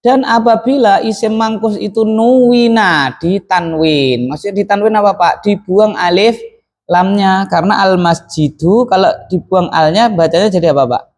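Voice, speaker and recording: High-voiced man teaching a class. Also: normal speed. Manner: questions the class, answers himself, mixes in Javanese words. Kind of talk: classroom lesson on Arabic grammar.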